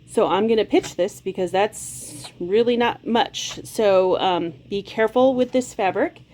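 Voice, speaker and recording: A woman in her forties who hosts a quilting channel runs a casual sewing tutorial from her home sewing room, explaining each step in a friendly, chatty way. Her voice is medium-pitched, unhurried, and darkish in tone. She has a slight cold and coughs now and then.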